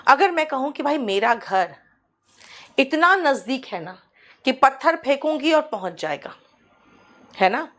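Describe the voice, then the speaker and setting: A woman with a Hindi accent teaching an online English class from a small studio, explaining patiently and saying the English examples slowly. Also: sits high, very animated, fairly bright tone. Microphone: studio microphone.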